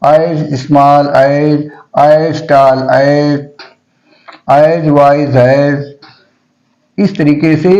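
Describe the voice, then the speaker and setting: Guy teaching grammar, says every word twice or three times, kinda slow, muffled lo-fi sound. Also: on the high side, a little mellow. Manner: slow, repeats each word several times for drilling. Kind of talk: classroom grammar lesson.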